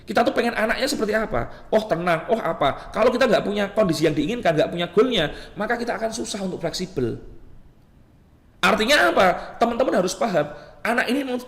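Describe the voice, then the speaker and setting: An animated male doctor gives a lively teaching talk and acts out scenes with patients. His high voice swings widely and has a gravelly edge. A long hall echo trails his words. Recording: echoey hall reverb.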